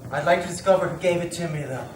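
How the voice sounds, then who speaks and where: A wary injured man gives short, clipped answers, as a man voices him. He sits a little high for a man and sounds distant. Room echo and background noise surround him. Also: racing, close to an everyday voice. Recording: roomy, distant mic, ambient noise.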